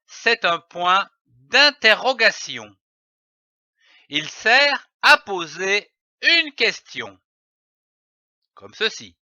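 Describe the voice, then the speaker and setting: A man teaching a reading lesson for young children, spelling out letters and syllables slowly and deliberately. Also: sits high, sharp tone, no echo. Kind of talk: slow, carefully articulated phonics lesson. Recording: dry, dull lo-fi voice-over.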